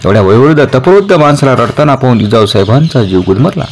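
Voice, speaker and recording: A man's voice: medium pitch, lively intonation, fast, a little hiss or hum. A man narrating a historical story dramatically, lifting his voice at tense moments. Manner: dramatic, rising with tension, reverent at the close.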